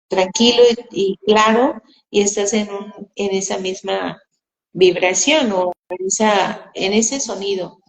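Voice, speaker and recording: A woman telling personal stories in a casual live conversation, acting out quoted dialogue. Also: mid-range voice. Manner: animated storytelling, acts out quoted dialogue. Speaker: host. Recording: echoey room.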